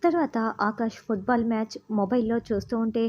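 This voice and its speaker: A woman retelling the events of a TV serial as a story, in a brisk, even manner, voicing every part herself. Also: a little high, highs cut off, a little hiss or hum. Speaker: serial recap narrator.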